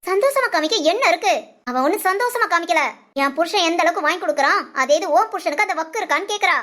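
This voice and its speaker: A bitter young mother who scolds and complains nonstop, played by a woman. Her voice is high and bright, and her nagging comes fast and cutting in a homespun short drama. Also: lively intonation, heavily acted.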